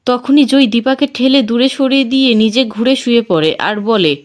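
A woman recaps a television serial's plot in scripted narration. Her voice sits a bit higher than most women's. She reads the characters' lines in the same plain storytelling voice she uses for the rest. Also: normal speed.

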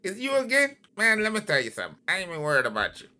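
A man doing loud, excitable let's-play commentary, trash-talking enemies in the game. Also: sits high, rapid-fire. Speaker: gaming channel host.

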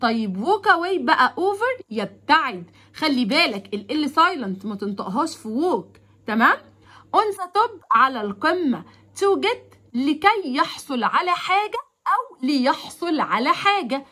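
A woman with an Egyptian Arabic accent teaching a vocabulary lesson to children. She stretches English words out slowly, repeats them for pupils to follow, then explains quickly. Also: high voice, big pitch swings, sharp tone. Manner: slow, drawn-out English words, fast chatty explanations.

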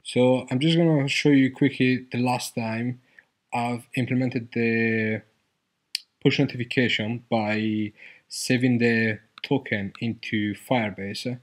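A man with a mid-range voice hosts a screen-recorded coding tutorial. He explains his app loosely and hesitantly, with lots of fillers and restarts.

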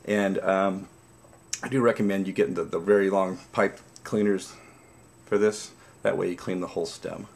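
A man in his forties chatting casually to camera in a savoring way, pausing between puffs on a pipe. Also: sits low, steady tone, creaky. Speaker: pipe-smoking vlogger. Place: small dim room at home, indoors.

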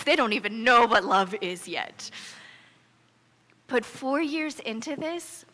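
Standing before a congregation in the church sanctuary, a middle-aged American woman pastor preaches with a bright, forceful voice pitched a little high. The hall is reverberant, and her sermon has an earnest, emphatic, conversational storytelling feel.

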